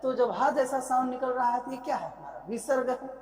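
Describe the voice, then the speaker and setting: Woman grammar teacher, slightly high voice, stretches example words, reverberant hall. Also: darkish tone. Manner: asks questions then answers them, stretches example words slowly. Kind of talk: exam-prep grammar lecture. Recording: echoey room with long reverb.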